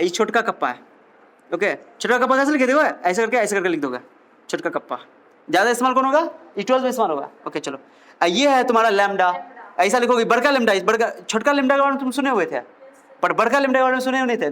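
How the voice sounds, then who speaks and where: High-voiced man teaching physics. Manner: lively, coaxing, quizzes students with questions. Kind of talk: classroom lecture.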